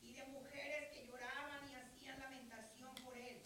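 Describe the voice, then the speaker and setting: A woman reading scripture aloud at a steady, measured pace during a sermon. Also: high-pitched. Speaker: scripture reader.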